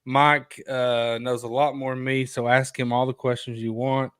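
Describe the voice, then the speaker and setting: A talkative man hosting a live show, chatting loosely at a middling pitch. He reads comments aloud and hops from one topic to the next in an unscripted, everyday way. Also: little pitch movement, normal speed, a bit bright, clear, resonant tone. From Kentucky. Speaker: livestream host. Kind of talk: casual live chat.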